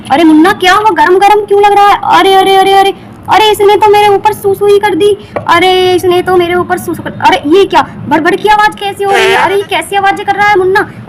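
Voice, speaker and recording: A woman's voice: very high-pitched, very noisy. A woman voicing a flustered young village uncle who fusses and grumbles. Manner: fussy, exclaiming, grumbling.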